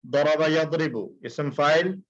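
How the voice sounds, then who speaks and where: A man teaching Quranic Arabic grammar, reciting verb tables slowly and having them repeated. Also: fairly high pitch, a bit bright. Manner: slow, deliberate recitation with repeated call-and-response drills. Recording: dull lo-fi recording.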